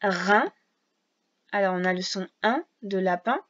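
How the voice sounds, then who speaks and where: A woman's voice: medium pitch, a little fast. A woman teaching a reading lesson to young children, patiently sounding out syllables and letters one by one. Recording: dull lo-fi sound.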